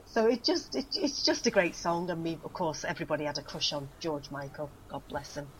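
A woman's voice: low-pitched, very animated, a little fast, fairly bright tone, slight background noise, low-quality recording. A middle-aged woman being interviewed, chatting and reminiscing with frequent laughs and fillers. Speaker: guest, actress. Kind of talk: casual chat, reminiscing.

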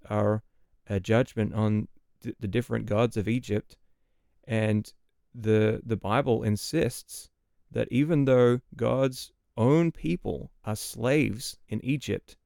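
A man guesting on a podcast explains scripture with thoughtful, deliberate pacing. His low voice has a gravelly edge yet stays smooth and resonant. The sound is dry and close to the mic. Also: darkish tone, no room sound. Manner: thoughtful, measured, with pauses and restarts. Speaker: podcast guest, Bible teacher.

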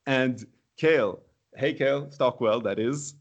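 A man hosting a casual football podcast, playful and quick to laugh. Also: medium pitch, dull audio. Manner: playful, laughs often, drawn-out exclamations. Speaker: podcast host.

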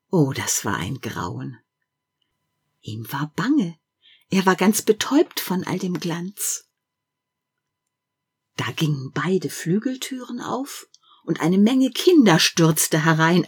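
A woman reads a fairy tale aloud at an unhurried pace, her low voice slightly husky. Her pitch moves widely and expressively, and she drops to a near-whisper in quiet passages before rising again in lively ones. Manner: slow, expressive storytelling with wide swings between hush and loud. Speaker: narrator.

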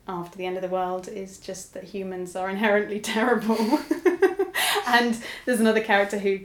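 A woman's voice: mid-range voice, level tone, a little fast, echoey room. A woman who writes novels, talking casually and laughing often as she makes fun of herself. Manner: laughs often, self-deprecating. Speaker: novelist guest. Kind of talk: casual conversation.

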